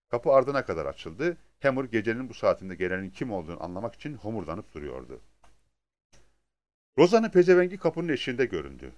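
A man reading a crime novel aloud as scripted narration, in a dramatic, expressive way. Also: lowish voice. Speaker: audiobook narrator.

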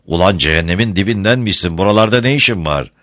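A man's voice: sits low, expressive, fast talker, a bit bright, no echo, clean studio sound. A man doing a barking gendarme captain. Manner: barking, commanding. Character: gruff Ottoman gendarme captain, bossy, quick-tempered.

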